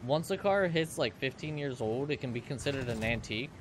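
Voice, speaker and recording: A man's voice: mid-range voice, lively intonation, brisk, a little hiss or hum. A man in his twenties rambling and joking with viewers as he comments on his own gameplay. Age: 20s. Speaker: let's play host.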